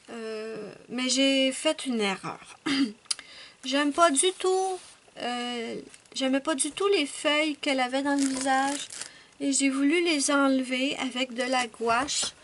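A woman's voice: sits high, slow pace, fairly bright tone, slight background noise. A woman chatting casually as a coloring vlogger, rambling and correcting herself as she thinks aloud. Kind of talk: casual show-and-tell chat.

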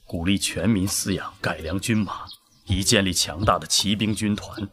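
Cautious court general for historical TV drama, male actor: deep voice, careful formal delivery, respectful. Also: fairly even intonation, crowd noise, lightly acted. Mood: earnest, measured. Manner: measured, deferential, formal. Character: humble, cautious male general serving his emperor.

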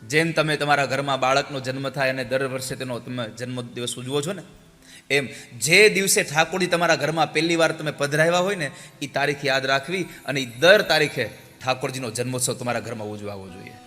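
A male preacher telling a devotional story in animated, exhorting sermon style. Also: medium pitch, a little fast. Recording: hall reverb with faint music.

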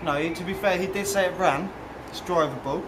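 A man's voice: sits high, a little fast, noisy background. A man chatting casually and agreeably with a friend, outdoors and then in a car. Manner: easygoing, agreeable replies. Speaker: vlogger, friend along for the trip. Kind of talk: casual chat.

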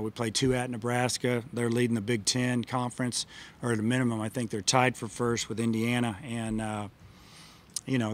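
After a game, a middle-aged baseball coach with a medium-pitched voice fields reporters' questions in a press room, a sponsor backdrop behind him and a table mic in front. His answers are plain, matter-of-fact, and packed with fillers.

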